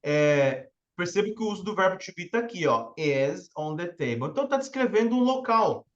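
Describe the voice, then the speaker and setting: A man's voice: sits high, very animated, a little fast, highs cut off. A man with a Brazilian Portuguese accent teaching English in a live online lesson, explaining step by step and often checking in with his listeners.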